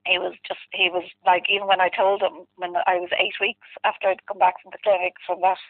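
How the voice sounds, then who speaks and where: This west of Ireland woman speaks a little fast in a lowish, level voice, sharing something personal with loose, candid chatter and plenty of fillers. Her audio comes through a muffled, dry, phone-like line without any room sound.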